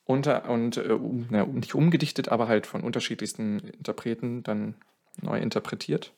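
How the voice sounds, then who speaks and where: The man's voice is medium in pitch, gravelly and darkish, with a steady tone and normal speed. As a podcast co-host, he chats casually through a song's history, explaining at length, self-correcting mid-sentence and reasoning aloud.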